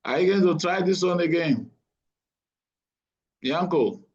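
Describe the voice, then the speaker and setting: A man's voice: on the high side, lively intonation, a little slow, a little mellow, husky. A man tutoring anaesthesia students over a video call, quizzing them and teasing them along. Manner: encouraging, teasing, gives marks. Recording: dull lo-fi call audio.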